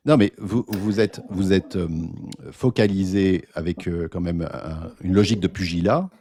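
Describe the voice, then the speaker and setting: A man's voice: deep voice, normal speed, darkish tone. A man debating live, speaking formally with many hesitations and restarts. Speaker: debate guest.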